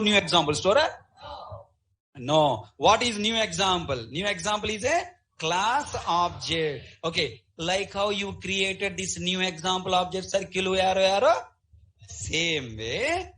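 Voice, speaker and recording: A middle-aged man lectures a live programming class, quizzing his students at every step. His voice sits high and sounds bright and forceful. He talks in short, animated bursts. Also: poor audio. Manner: animated, questioning students constantly. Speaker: programming teacher.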